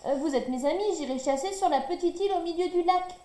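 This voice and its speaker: A woman's voice: extremely high pitch, fast talker, voice pushed up. A woman voicing a proud, reckless little boy who boasts of being a great hunter, in a storybook reading. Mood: boastful. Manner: boastful, excitable. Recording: roomy echo.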